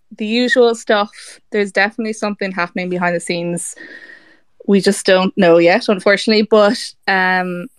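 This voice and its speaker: A woman's voice: mid-range voice, clear, resonant tone, dry recording. A woman with an Irish accent, a campaign team member talking casually in an online audio chat, chatty and repetitive. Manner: chatty, repeats herself, laughs easily.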